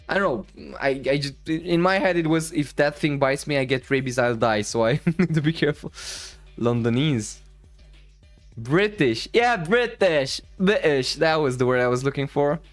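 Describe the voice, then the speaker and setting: A young man from the Balkans chatting casually on a stream over vlog footage, rambling with lots of fillers and laughing easily. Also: medium pitch. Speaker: streamer host.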